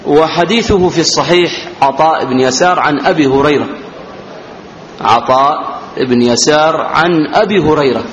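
Male religious teacher from Yemen, fairly high voice, slow and deliberate text commentary, long hall echo. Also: a bit bright, a little hiss or hum. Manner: slow, deliberate, repeats words for students to note; raises his voice when reading the quoted text. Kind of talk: classical text commentary lesson. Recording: roomy hall echo, dull lo-fi sound.

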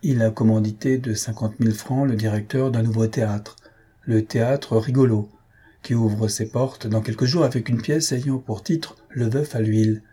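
A man reading a novel aloud with steady, measured storytelling. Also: mid-range voice, slightly rough. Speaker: reader.

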